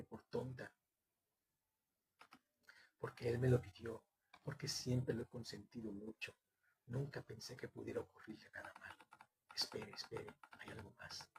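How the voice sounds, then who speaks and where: A man voicing a distraught, grieving mother who answers haltingly and blames herself. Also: medium pitch, vocal fry, a little hiss or hum. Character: distraught mother, middle-aged woman, grieving and self-reproaching.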